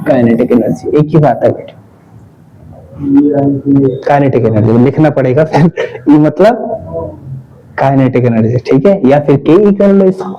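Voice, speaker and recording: Coaxing male teacher, mellow lo-fi classroom sound. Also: medium pitch, moderate pace, pauses often, slight background noise. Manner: coaxing, quizzes students with repeated questions. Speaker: physics teacher. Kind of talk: classroom lecture.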